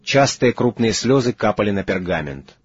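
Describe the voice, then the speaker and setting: A man reading an audiobook in steady, measured narration. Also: on the low side. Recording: slightly dull lo-fi recording.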